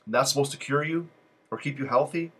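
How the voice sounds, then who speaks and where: A man's voice: medium pitch, fairly quick, a bit bright, slightly rough. A man hosting a live call-in stream, talking in a loose, digressive and joking way. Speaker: live call-in show host. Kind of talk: rambling live-stream monologue.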